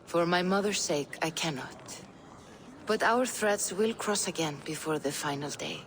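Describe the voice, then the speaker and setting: A woman playing a solemn, mystical Norse seer in a video game, speaking in a measured, grave and cryptic way. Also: on the low side, close to an everyday voice. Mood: grave, foreboding. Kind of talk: dramatic video game dialogue. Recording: faint ambient noise.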